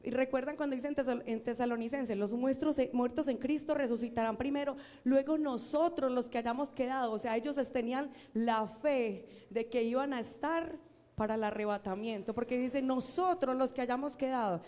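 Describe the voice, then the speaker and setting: An older woman with a Colombian Spanish accent preaches a sermon to a congregation in a church hall, her voice high, a little mellow, and at normal speed. She is an earnest church sister who repeats phrases for emphasis and asks the congregation questions. The recording carries the long reverb of the hall.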